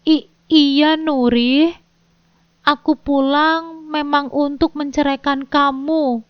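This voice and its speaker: A woman's voice: sits high, steady tone, slow, smooth, dry recording. A stammering guilty husband, as a woman reads him. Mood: hesitant. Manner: hesitant, stammering. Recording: dull dry lo-fi recording.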